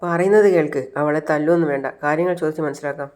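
A man's voice: on the high side, steady tone, very fast, a little mellow, close to an everyday voice. A man playing a worried mother pleading with her husband not to hit their daughter, in a retold serial. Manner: pleading, restraining.

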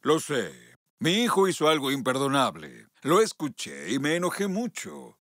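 A voice actor in a film dub playing a middle-aged father who apologizes in a measured way for his son's behavior. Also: medium pitch, very animated, a bit bright, no echo, studio quality. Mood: apologetic. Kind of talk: dubbed film acting.

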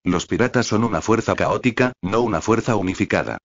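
A man narrating an audiobook in a steady, even reading with little expression. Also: on the low side, a little fast. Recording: dull lo-fi audio.

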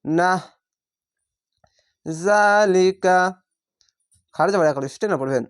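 Quran teacher, clear resonant voice, slow drawn-out recitation then plain patient explaining. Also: mid-range voice. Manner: patient, repeats each word slowly then explains rules; chants Arabic words in drawn-out recitation tone. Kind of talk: word-by-word recitation lesson.

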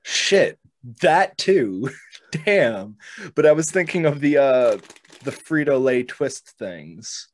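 A man's voice: medium pitch, very animated, takes it slowly. A man in his thirties bantering casually as a co-host with short reactions. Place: home room, on a video call. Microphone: headset.

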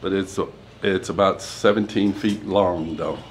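A man's voice: low-pitched, fairly even intonation, unhurried, slight background noise. A man giving a casual walking tour of his house, chatty and rambling with fillers, filmed on a handheld phone camera. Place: inside a two-story house, partly out on a balcony. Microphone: phone camera handheld while walking.

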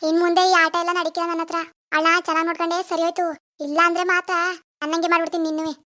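Very high rapid-fire cartoon ghost lady, scolding and threatening, a woman voicing her. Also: little pitch movement, pushed and bright. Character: vengeful female ghost protecting a wife. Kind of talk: animated cartoon voice acting.

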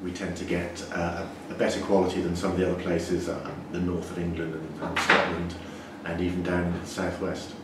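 A man in his forties, a brewer, explaining things in a measured way with frequent restarts during an interview in a brewery. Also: sits low, level tone. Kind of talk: interview answers. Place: indoor brewery floor. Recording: echoey, distant, noisy brewery room.

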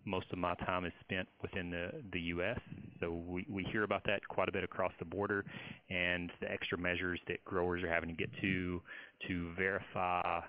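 A man's voice: low-pitched, little pitch movement, moderate pace, a little hiss or hum. A man answering as a panelist on a webinar, hesitant with frequent fillers. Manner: hesitant, heavy use of uh. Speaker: webinar panelist, seed industry. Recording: dull dry remote line.

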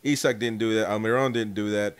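A young man with a fairly low voice talks football as a livestream host. His delivery is casual and halting, often doubling back on words as he works out a point. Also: steady tone, clear, resonant tone. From United States. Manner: halting, repeats words while thinking. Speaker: host and Newcastle fan. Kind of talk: casual football watchalong commentary. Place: small indoor room at home, video call.

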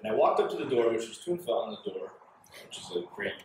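A man in his thirties hosting a podcast interview, telling stories in an animated way, recorded in a small bar. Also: mid-range voice, fast, a little hiss or hum. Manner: animated storyteller, gestures a lot. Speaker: podcast host. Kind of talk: conversational interview. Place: small bar with signed walls, indoors. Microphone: far camera in the room. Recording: very echoey room from far off.

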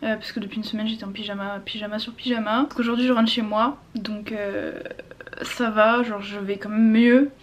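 A woman's voice: mid-range voice, little pitch movement, moderate pace, a little hiss or hum. A young woman vlogger chatting informally and frankly to camera, with some self-deprecation. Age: young adult. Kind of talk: casual chat to camera. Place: small room at home, indoors.

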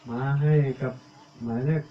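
A man giving live commentary on a village football match, reeling off player numbers and names and getting louder on attacks. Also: moderate pace, a little hiss or hum. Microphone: cheap tablet recording. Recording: echoey, tinny, phone-like audio.

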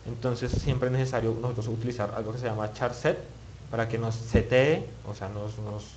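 A man's voice: mid-range voice, steady tone, fairly quick, darkish tone, a little hiss or hum, low-quality recording. A man teaching web page building in a screen-recorded tutorial, thinking aloud and muttering as he clicks, with many restarts. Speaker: web development instructor.

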